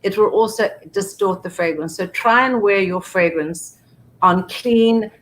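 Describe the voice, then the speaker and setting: Woman perfumer, casual event chat, gushing and repetitive, mid-pitch. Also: measured pace, poor audio. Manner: effusive, piles on words like beautiful and gorgeous; frequent restarts and repetitions. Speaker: perfumer and fragrance brand founder.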